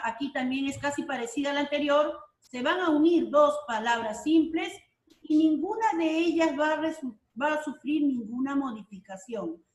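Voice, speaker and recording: A woman teacher with a high voice talks her class through a lesson at a slow, deliberate pace. She repeats the key terms and keeps checking that her students follow. Her voice sounds a little distant from the mic in a roomy space. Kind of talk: online class lecture.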